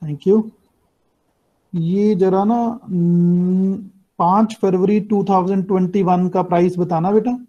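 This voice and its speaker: Racing along in a high voice with fairly even intonation, a middle-aged man teaches finance online, switching between two languages as he explains and checks on his students. He is a native Hindi speaker with a North Indian accent, heard through a computer mic in dull, lo-fi video-call audio.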